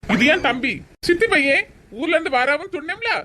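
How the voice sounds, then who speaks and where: A woman's voice: sits high, expressive, a little fast, very noisy. A woman acting in a comedy sketch, exasperated, mixing English words into her talk.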